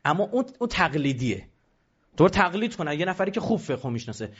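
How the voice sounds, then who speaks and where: A man giving an animated religious lecture, emphatic and rhetorical, now and then mimicking the voices of others. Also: fairly high pitch, breathy edge, lo-fi sound.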